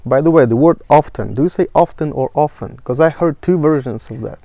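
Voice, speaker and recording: A man's voice: on the high side, a little fast, gravelly, mellow, no room sound. Russian-speaking guy hosting a chat, curious, asks lots of questions, dry sound. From Ukraine. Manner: inquisitive, asks follow-up questions. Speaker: host. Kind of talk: casual conversation.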